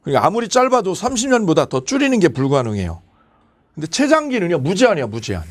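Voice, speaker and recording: A man lecturing for an exam prep course, his voice sitting a little high and swinging up and down a lot as he talks. He poses questions and answers them himself, hammering the key numbers again and again. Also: huge pitch swings, quick pace.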